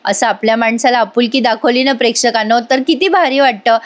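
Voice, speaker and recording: A woman's voice: on the high side, a little fast. A woman giving a chatty voice-over recap of a TV serial episode, talking directly to her viewers. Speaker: serial reviewer.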